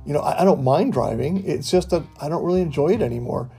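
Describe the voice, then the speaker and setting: A man's voice: on the high side, animated, quick pace, creaky, mellow, husky. An older man from the US hosting a casual podcast monologue, telling stories in a wry, folksy way over faint guitar music. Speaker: podcast host.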